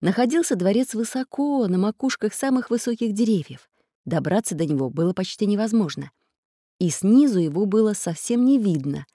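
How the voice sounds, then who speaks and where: Lively woman reading a children's story. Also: lowish voice, dry recording, studio quality. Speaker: audiobook narrator. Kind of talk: storybook narration.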